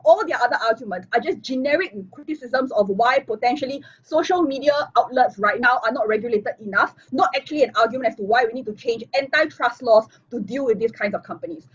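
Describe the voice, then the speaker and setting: A woman with a somewhat high, slightly rough voice delivers a competitive debate speech as opposition whip, arguing fluently with clear structure and formal debate phrasing. She's speaking over a video call on a computer mic, so the online audio comes through muffled and lo-fi.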